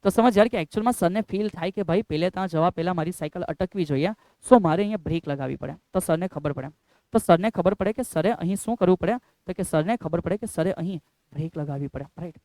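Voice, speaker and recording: A man with a Gujarati accent teaching physics in an energetic lecture style, repeating key phrases and calling students beta. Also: high-pitched, quick pace, dry recording. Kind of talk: animated classroom lecture.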